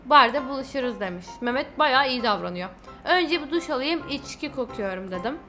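A high-voiced young woman commentating a story game, chatty and quick to react loudly as she speaks straight to her viewers. Clear game music runs under her voice the whole time. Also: expressive. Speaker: gaming YouTuber.

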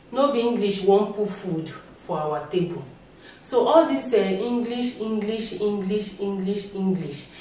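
A young Nigerian woman, a YouTuber with a lowish voice, gives her opinions to the camera from the sofa in her living room. She gestures lively, repeats words, and slips into Pidgin. A distant mic leaves her sounding set back in a very echoey room, with faint hiss.

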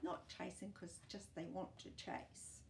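A New Zealand woman in her sixties, the host of a children's storytime, reads a picture book aloud to young kids in a small indoor room filled with books. Her fairly low voice shows vocal fry and little pitch movement, and she is unhurried. She reads expressively with chatty asides and questions, over a little hiss or hum.

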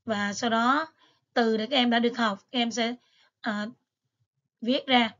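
A woman's voice: a little high, steady tone, a little slow, fairly bright tone, highs cut off. A woman teacher, patiently going over exam material step by step with frequent fillers. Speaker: English teacher. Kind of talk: exam review lesson.

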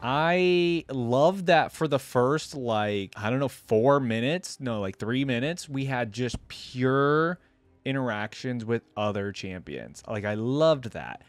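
Faint music plays behind a young adult man whose medium-pitched voice is animated but slow. He's a reaction host at a gaming desk in a small indoor room, rambling a little with casual, chatty enthusiasm into a close desk microphone.

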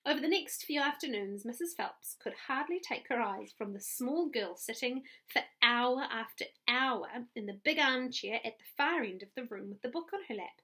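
A woman's voice: a little high, expressive, normal speed, hardly any pauses, bright, forceful tone. A woman with a New Zealand accent reading a chapter book aloud to children as their teacher, friendly and stopping for little asides.

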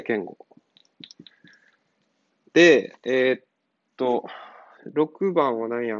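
Lively male tutor, dry lo-fi sound. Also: a little high, no echo. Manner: casual, blunt, teasing asides. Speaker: cram school teacher. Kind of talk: explaining literature exercise answers. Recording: dull lo-fi sound.

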